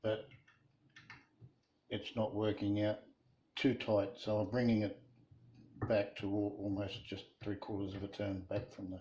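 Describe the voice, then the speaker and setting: A man's voice: fairly low pitch, flat delivery, a little slow, pauses often, dark tone. A man casually talking through a woodworking build in his shed, plain-spoken and self-deprecating. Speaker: hobby woodworker. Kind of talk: casual workshop narration. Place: home shed workshop. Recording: dull lo-fi sound with faint noise.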